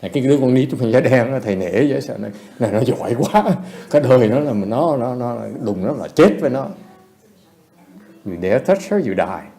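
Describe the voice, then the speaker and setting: A man's voice: medium pitch, expressive, fast talker, creaky, few pauses, warm tone. A man giving a retreat dharma lecture in a temple hall, switching between English and Vietnamese and chuckling often. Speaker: meditation teacher.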